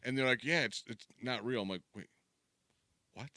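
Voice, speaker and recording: A man's voice: mid-range voice, normal speed, sharp tone, dry recording. A man on a podcast panel, chatting casually and telling stories with emphatic swearing.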